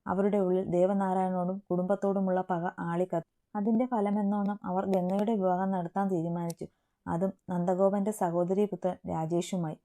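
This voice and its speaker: Mellow, dark-voiced woman narrator. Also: lowish voice, little pitch movement, moderate pace. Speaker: story narrator. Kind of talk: scripted narration of a romance story.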